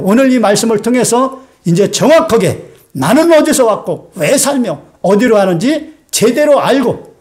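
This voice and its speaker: A man's voice: sits high, darkish tone. A man pastor preaching a sermon, telling a childhood story in a conversational way with frequent "uh" fillers and asking the congregation to repeat after him. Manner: asks the congregation questions and has them repeat after him.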